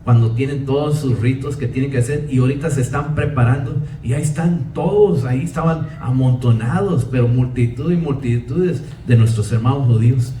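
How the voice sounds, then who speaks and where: Preacher, dark and roomy. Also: male voice, mid-range voice, a little fast, few pauses, a little hiss or hum. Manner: preaching with repetition, switching between Spanish and English. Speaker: pastor. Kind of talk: bilingual sermon. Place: church sanctuary. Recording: roomy church sound from a distance.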